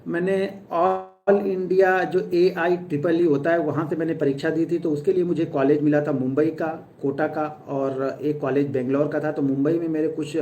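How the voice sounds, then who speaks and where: A man in his thirties from Uttar Pradesh, a stock trader chatting fast and earnestly with viewers on a live stream. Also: fairly high pitch, little pitch movement, warm tone, a little hiss or hum. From Uttar Pradesh, India. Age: 30s.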